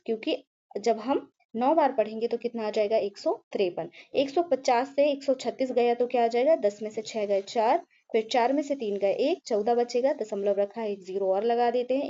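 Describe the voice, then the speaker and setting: A woman with a high but mellow voice teaches maths one careful step at a time. She keeps checking in with the class and answers her own questions as she works. The recording sounds a little dull and lo-fi. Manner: patient, repeats "ठीक है" and asks herself questions.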